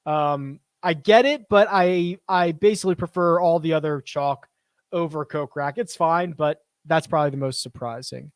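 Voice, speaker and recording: A man's voice: a little high, moderate pace, smooth, dry recording. A man hosting a casual live stream, reading viewer questions aloud and answering off the cuff at his desk.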